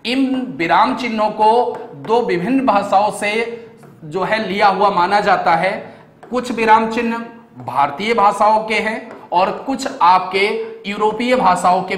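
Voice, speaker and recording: Man teaching grammar at a board, high voice, step-by-step explanation, echoey room. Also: a bit bright. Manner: explains step by step, often checks understanding. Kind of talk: exam-prep grammar lecture.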